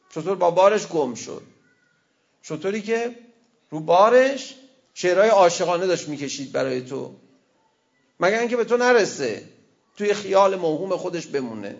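A man preaching in an easy, conversational way, breaking off for wry asides and quoted verse. His voice sits high for a man and has a gravelly edge. The recording sounds dull and lo-fi. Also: big pitch swings, pauses often. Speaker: cleric. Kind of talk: sermon.

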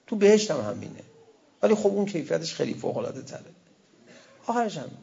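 A man preaching in an easy, conversational way, breaking off for wry asides and quoted verse. His voice sits high for a man and has a gravelly edge. The recording sounds dull and lo-fi. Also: darkish tone. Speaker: cleric. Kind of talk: sermon.

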